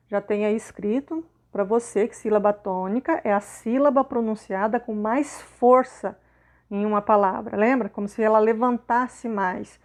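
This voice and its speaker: Lady teacher explaining homework, kinda high voice, patient, keeps asking ok? tá?. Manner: patient, checks in often with questions. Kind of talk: explaining schoolwork to young pupils.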